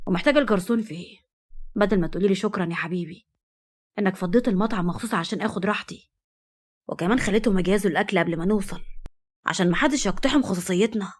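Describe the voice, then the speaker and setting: A woman voicing a cold, teasing, jealous husband in a storybook reading, with an Egyptian accent and a cool, deadpan delivery. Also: fairly low pitch, very fast, pauses often, close to an everyday voice.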